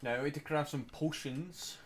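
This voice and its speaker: A man's voice: on the high side, fairly even intonation, moderate pace. A man doing casual gameplay commentary, muttering to himself and swearing freely. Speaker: gamer. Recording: clear game noise behind voice.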